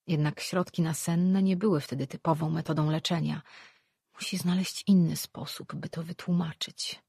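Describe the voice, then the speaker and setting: An audiobook narrator reading a fantasy novel in a steady, measured way. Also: mid-range voice, creaky, husky, no room sound, studio quality.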